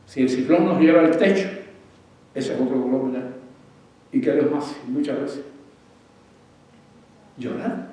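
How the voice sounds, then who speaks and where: Male pastor, sermon delivery, quizzes the congregation, loud then hushed, set back from the mic in a very echoey sanctuary. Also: medium pitch, normal speed, pauses often. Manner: asks the congregation questions, swings from loud to hushed. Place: church sanctuary. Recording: echoey room, voice from a distance.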